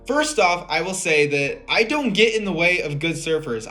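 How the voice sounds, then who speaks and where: A man's voice: high voice, bright, forceful tone. A man vlogging casually, rebutting in an incredulous way with rhetorical questions. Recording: background music.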